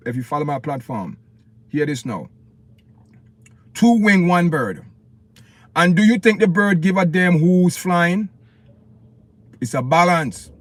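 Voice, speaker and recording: On his livestream, a man from Jamaica rants with a Jamaican accent in a fairly high voice, with no room sound in the recording. He's impassioned and preachy, keeps coming back to the same points, and calls his viewers "people" throughout this opinionated tirade.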